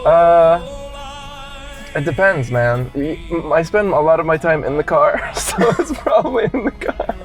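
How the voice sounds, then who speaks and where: A man from Qatar, a guest in casual chat, talking in a relaxed, rambling way with many fillers. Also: fairly high pitch, unhurried, faint music behind.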